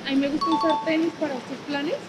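A woman's voice: sits high, little pitch movement, quick pace. A young woman, chatting outdoors as she tours a town and explains a grammar point to viewers. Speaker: Spanish teacher and travel vlogger. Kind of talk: travel vlog with language tips. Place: outdoors in a small town and countryside. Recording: music playing behind the voice.

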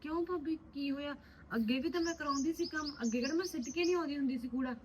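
An actress playing a stubborn, lively young woman who insists on helping her elder sister-in-law with chores. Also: high-pitched, very fast, background noise, lightly acted. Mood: hurt. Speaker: actor. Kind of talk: village family drama acting. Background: birdsong.

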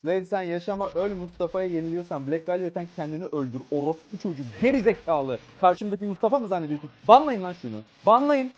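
A player giving live commentary over their own fighting-game matches, excitable and swearing at the opponent constantly. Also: mid-range voice, fast talker, hardly any pauses. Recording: muffled lo-fi mic with faint hiss.

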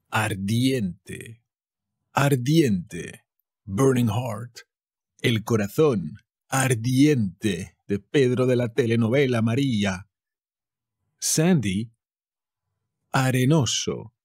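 A man's voice: medium pitch, a little mellow, slightly rough, dry recording, clean studio sound. A man from Spain with a Spanish accent, teaching vocabulary by saying each word and then acting out short, playful example sentences.

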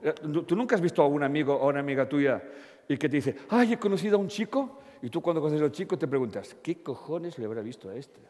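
A man's voice: fairly high pitch, lively intonation, quick pace, darkish tone. A man giving a live talk, blunt and joking, often asking the audience questions. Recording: long hall reverb.

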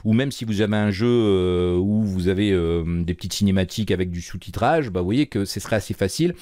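Man, coding tutor, lower voice, loose and chatty, dead-dry mic. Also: brisk, no room sound. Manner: relaxed, chatty, many fillers and restarts. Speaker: programming course instructor. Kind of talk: screen-recorded coding tutorial.

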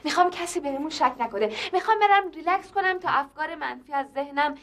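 A nagging wife whose voice sits high and who reprimands her husband without pause. A faint hiss runs under her voice. This is a sitcom character. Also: expressive, fairly bright tone. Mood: scolding. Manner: reproachful, scolding. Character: scolding wife, a nagging hotel guest. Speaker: hotel guest, wife. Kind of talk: sitcom acting.

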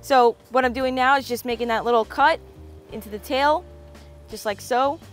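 Soft music plays behind a young fishing-and-cooking vlogger as she enthusiastically explains how she fillets fish and makes sushi, step by step. She speaks at a moderate pace in a voice on the higher side.

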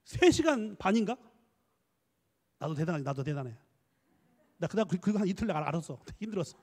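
A man giving a lively church lecture on counseling, coaxing the audience to read aloud and answer, switching between polite and casual speech. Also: high voice, in a large hall. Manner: mixes polite and casual speech, quick asides. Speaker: professor leading a church training lecture.

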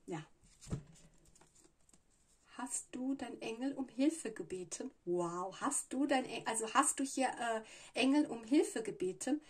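Here a tarot reader talks through a spread for the camera in a relaxed, loose way, stopping to search for words and slipping in "ja" fillers. Her first language is Italian, her voice is fairly high and breathy, and the setting sounds like a small room at a table.

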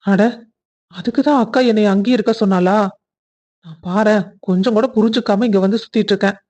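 A woman's voice: medium pitch, steady tone, brisk, mellow, muffled recording, pitched below the performer's own voice, lightly acted. A woman voicing a kindly middle-aged man in a cartoon story, who mutters to himself in puzzlement. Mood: puzzled.

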